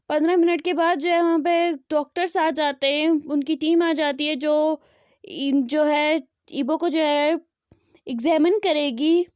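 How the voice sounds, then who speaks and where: A young woman retells a fan-fiction story in a loose, chatty narration full of fillers. Her voice is very high. The recording is dry and close to the mic. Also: no room sound.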